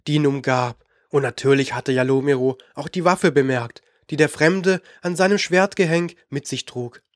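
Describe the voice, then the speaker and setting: A man reading fantasy narration for an audiobook in a measured, dramatic way. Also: fairly high pitch, no echo, studio quality. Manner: measured, dramatic, slowing for suspense.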